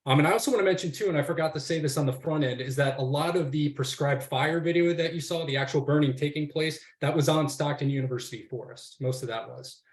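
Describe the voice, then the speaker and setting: Fast-talking man in an echoey room. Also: a little high. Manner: rambling, many fillers and restarts. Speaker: university forestry faculty panelist. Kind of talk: casual webinar talk.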